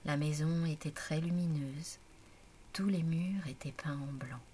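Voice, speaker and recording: A woman reading a story aloud in a hushed, slow whispered storytelling narration. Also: sits low, slight background noise.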